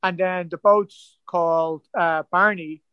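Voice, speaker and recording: A man's voice: sits high, fairly even intonation, takes it slowly, smooth, no echo, highs cut off. An Irish man from Ireland, a guest rower telling his story in a casual interview, rambling with lots of "like" and "kinda". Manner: rambling, full of "like" and "kinda" fillers.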